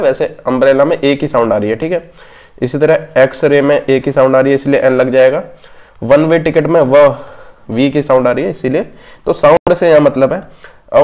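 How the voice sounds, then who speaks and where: Exam grammar rules are taught here by a man with a medium-pitched, darkish voice, mixing Hindi and English. He goes step by step, often checking in with a repeated "theek hai," and the audio is dull.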